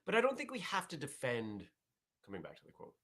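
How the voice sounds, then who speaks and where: On a martial arts morning show streamed live, a man with a mid-range, slightly rough voice talks briskly, with huge pitch swings and a bright, forceful tone. He rambles casually, self-corrects and restarts sentences, and reads out viewer chat.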